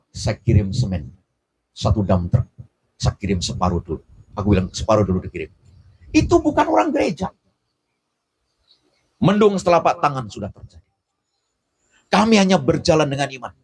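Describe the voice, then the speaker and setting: A man preaching a sermon, telling stories with passion as his voice swings low to high. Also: breathy edge. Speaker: pastor.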